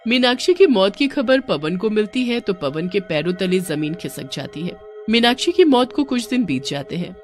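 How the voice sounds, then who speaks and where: A woman telling a story in a lively narrating voice at a middle pitch. She reads it as scripted narration and moves easily between the plain telling and the people in the tale. Faint music plays behind her. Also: moderate pace.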